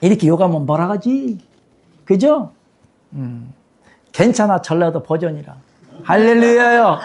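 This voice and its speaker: A male pastor preaching a sermon in a blunt, scolding way with rough slang and jokes, leading his congregation in call-and-response. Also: fairly high pitch, animated, a little slow, dark tone. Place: church service with a congregation.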